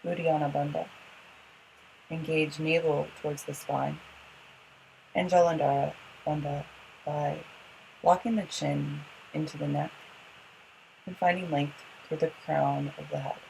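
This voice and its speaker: A yoga instructor giving slow guided breathing instruction in measured, short phrases with pauses between them. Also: mid-range voice, flat delivery, gravelly, darkish tone, a little hiss or hum, low-quality recording.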